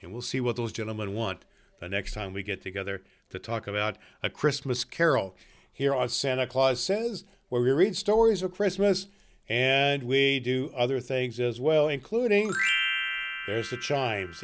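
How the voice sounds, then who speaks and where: A man's voice: mid-range voice, a bit bright. A man hosting as Santa Claus, reading a classic story aloud in a folksy, chatty way and telling jokes.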